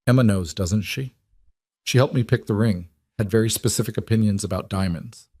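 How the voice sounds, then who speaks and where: A man's voice: on the low side, moderate pace, no echo, lightly acted. A man voicing a woman overwhelmed with happy tears, speaking earnestly in a storybook reading. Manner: softly tearful, earnest. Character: emotional woman, newly engaged fiancée.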